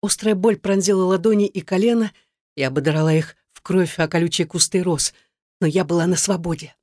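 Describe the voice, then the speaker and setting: A woman's voice: fairly low pitch, a little fast, a little mellow, no room sound, clean studio sound. Woman narrating a tense first-person story.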